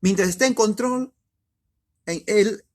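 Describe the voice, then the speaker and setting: A man preaching in a conversational way, emphatic and full of rhetorical questions, with sudden rises in pitch and loudness. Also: unhurried. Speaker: preacher teaching doctrine. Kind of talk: conversational sermon.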